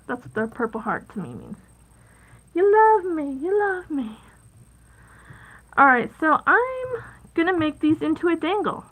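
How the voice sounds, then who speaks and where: A woman hosting a casual live crafting stream, chatty and rambling, with plenty of fillers and soft asides at her craft table. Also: a little high, low-quality recording. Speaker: crafting livestream host.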